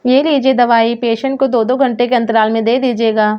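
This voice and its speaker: A brisk woman doctor talks down to her patient's family, as a woman puts her on in a homemade doll story. The voice sits fairly high. The recording is dull and lo-fi. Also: flat delivery, natural voice. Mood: reassuring. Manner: brisk and scolding. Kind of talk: doll story role-play. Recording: dull lo-fi sound.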